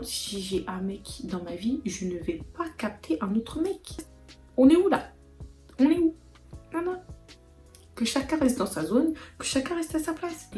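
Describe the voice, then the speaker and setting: Young french woman doing a q&a vlog, emphatic, keeps repeating herself, echoey room, bit of music behind. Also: mid-range voice. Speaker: vlogger. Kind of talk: casual Q&A vlog.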